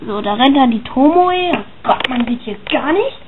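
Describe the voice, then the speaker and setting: A woman's voice: high voice, animated, normal speed, background noise. A woman chatting casually and hesitantly as she comments on her own drawings and reads their captions aloud. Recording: tinny phone-like sound.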